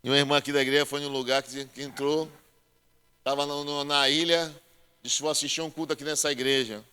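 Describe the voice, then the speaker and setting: A male pastor preaching a sermon, joking with the congregation and calling them brother, swinging between loud proclaiming and quiet asides. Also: on the high side, little pitch movement, brisk, smooth. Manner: addresses listeners as brother.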